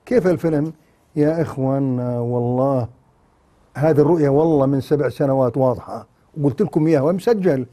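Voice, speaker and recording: Older guy doing sarcastic tv political commentary, kinda high but mellow dark tone. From Jordan. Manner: mocking, animated, mimics others in sing-song asides. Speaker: TV commentator, former university lecturer.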